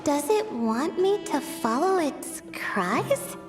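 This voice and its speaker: Layla, a halting high-voiced student. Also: female voice, big pitch swings, music in the background, full character voice. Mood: hesitant. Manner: hesitant, halting. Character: sleepy young female scholar.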